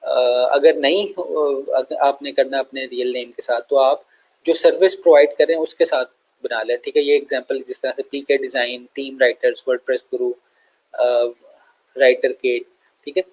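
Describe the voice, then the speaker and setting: Man giving a relaxed screen-share lesson. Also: mid-range voice, normal speed, low-quality recording. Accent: Pakistani Urdu. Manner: relaxed, explanatory, many fillers and check-ins. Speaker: online tutor. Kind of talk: screen-share tutorial lecture.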